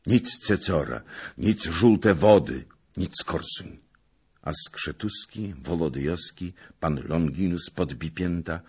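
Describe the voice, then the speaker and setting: A man's voice: very deep voice, breathy edge. A man reading a historical novel aloud as an audiobook narrator, voicing the dialogue with shifting emphasis.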